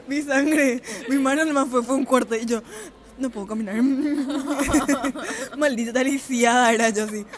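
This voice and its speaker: A woman's voice: high voice, slow, a crowd in the background. A young woman in her twenties with a Paraguayan Spanish accent, telling a story in casual podcast chat, acting out voices and laughing often. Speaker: podcast co-host.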